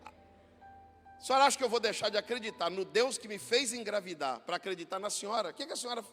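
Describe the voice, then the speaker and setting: Devout mother, voiced by a male preacher, calm, certain, echoing church hall. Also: high-pitched, fast, voice pushed up. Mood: defiant. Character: devout mother firm in her faith. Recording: reverberant church hall with soft music.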